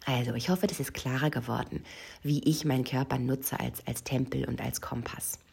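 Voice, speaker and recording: Low husky woman coach, gravelly edge, talks right to you, slips into whispers a lot. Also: steady tone, moderate pace, darkish tone. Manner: intimate, often drops to a whisper; addresses the listener directly. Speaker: session coach. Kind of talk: reflective personal monologue.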